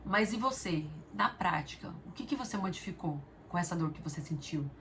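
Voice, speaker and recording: A woman's voice: lowish voice, animated, fairly quick, fairly bright tone, a little hiss or hum. A woman and mother hosting a reflective spiritual talk, telling stories earnestly and speaking straight to the viewer. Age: adult mother of a young daughter. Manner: earnest, storytelling, addresses viewer directly. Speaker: spiritual video host.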